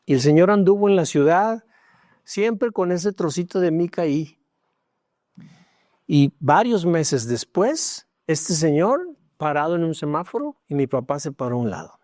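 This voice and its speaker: A man preaching a sermon as pastor, telling a personal story with emotion, dropping to hushed tones and rising again. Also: on the high side, sing-song, a little slow, dry recording, studio quality. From Mexico. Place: church.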